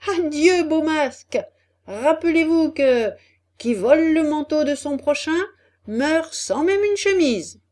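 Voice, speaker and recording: A woman voicing a cheeky, excitable puppet boy in a storybook reading, with a high, loud, exclamatory delivery. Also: slow pace. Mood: scornful.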